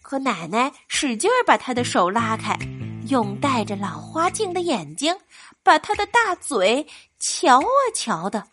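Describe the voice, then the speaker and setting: A woman with a high, bright voice narrates a children's picture book. She reads slowly and expressively, her pitch rising and falling widely as she tells the story gently for young listeners. Soft music plays faintly behind her. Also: very animated, husky.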